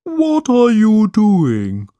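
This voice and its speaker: A woman's voice: medium pitch, wildly swooping pitch, extremely slow, warm tone, no echo, dull audio, voice pushed up, heavily acted. A woman voicing a sulky, lazy young male camel in a storybook reading, with whiny, pleading questions.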